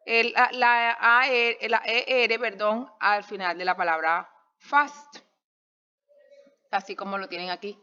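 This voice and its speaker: A woman's voice: fairly high pitch, bright, forceful tone, smooth, in a large hall, highs cut off. A woman teaching an English grammar lesson in a slideshow recording, patient and explanatory, often checking understanding and correcting herself as she talks. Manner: self-correcting, stretches out example sentences.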